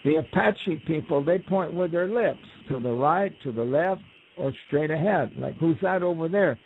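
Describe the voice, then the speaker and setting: A man's voice: fairly high pitch, moderate pace, a little hiss or hum. Folksy man telling stories over a tinny phone line. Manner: folksy, rambling, acts out quoted voices. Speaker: guest storyteller. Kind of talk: relaxed conversational storytelling.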